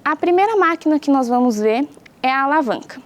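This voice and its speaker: A young woman teaches a school science class for pupils at home. Her voice sits high and light, and she explains each point clearly and patiently, often asking the children questions. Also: expressive, a little fast. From Brazil.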